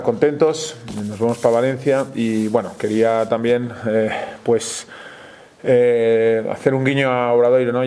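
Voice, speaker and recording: A man with a Spanish accent, a basketball coach answering questions at a post-game press conference in a measured way, with many hesitations and restarts. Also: mid-range voice, mellow.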